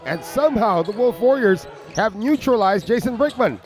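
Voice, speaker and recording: A man's voice: high-pitched, expressive, moderate pace, faint music behind. A man giving color commentary on a live basketball game, talking through the plays in longer, conversational sentences. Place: indoor arena. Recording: loud crowd noise behind. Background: arena crowd.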